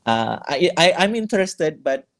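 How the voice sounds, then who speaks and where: In an interview, a man who was once a scholarship student and now works as a guest teacher answers casually and hesitantly, full of fillers and restarts. His voice is on the high side and sing-song, at a normal pace.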